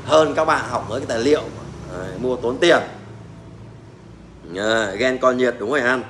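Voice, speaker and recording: A man's voice: medium pitch, normal speed, fairly bright tone, a little hiss or hum. A middle-aged man, a mechanic ranting bluntly to fellow mechanics, mocking and swearing as he talks. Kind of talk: casual rant to fellow mechanics.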